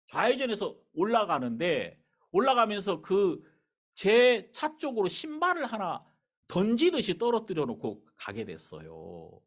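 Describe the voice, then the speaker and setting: Male pastor, middle-aged, sermon storytelling, pitch swinging wildly, slightly high. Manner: animated, conversational storytelling.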